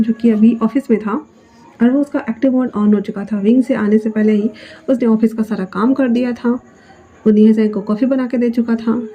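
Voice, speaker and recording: A woman's voice: a little high, mellow. A woman narrating a story in a chatty, conversational way. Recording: dull lo-fi sound.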